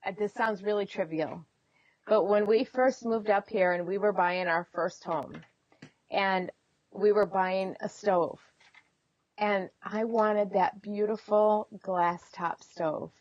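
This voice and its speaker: A middle-aged woman telling personal stories candidly in an expressive, conversational way, as an interview guest. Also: medium pitch, slow, no echo, highs cut off. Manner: expressive, acts out reported dialogue.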